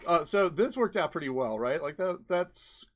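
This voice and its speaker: Showing off his experiments over a screen-share, an indie game developer gives casual commentary and thinks out loud in a rambling way. His voice sits on the high side with lively intonation, at a normal speed.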